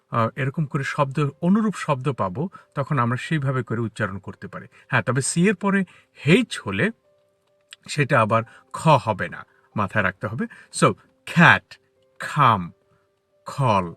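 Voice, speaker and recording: A man teaching English pronunciation to Bengali speakers, talking outdoors on a street and spelling out letters and sounds slowly. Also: mid-range voice, big pitch swings, a bit bright, husky, dry recording, soft background music. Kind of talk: spoken English lesson.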